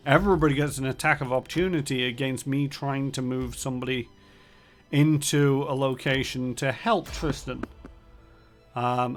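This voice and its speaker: A man's voice: medium pitch, vocal fry. A man streaming a video game, chatting casually and thinking aloud with lots of fillers. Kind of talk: casual gameplay commentary.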